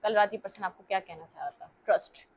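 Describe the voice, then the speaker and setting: A woman's voice: mid-range voice, fast talker, gravelly, slight background noise. A young woman giving a casual tarot reading to her viewers, talking things through and checking in with frequent "okay"s. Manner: talkative, keeps checking in with "theek hai", mixes English words. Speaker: tarot reader.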